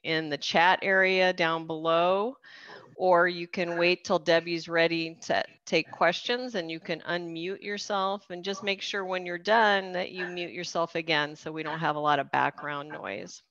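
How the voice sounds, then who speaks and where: A woman hosts a video-call program as its fitness program coordinator and event host, guiding people step by step through the call settings. She is friendly and uses fillers as she explains. Her voice sits on the low side, fairly bright and evenly intoned, and she takes her time; the audio is dry and slightly dull, typical of a video call.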